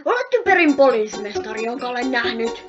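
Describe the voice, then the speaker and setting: A woman's voice: a little high, very animated. A woman voicing a menacing, foul-mouthed male pirate captain in an amateur cartoon fan dub. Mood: angry. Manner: threatening, barking, swearing. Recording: muffled audio with music underneath.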